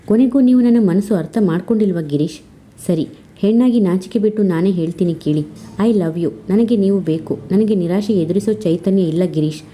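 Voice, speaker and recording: A woman's voice: mid-range voice, a little fast, warm tone, lightly acted. A woman voicing an intense, lovesick young woman who speaks in an emotional, pleading way. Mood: hurt, pleading.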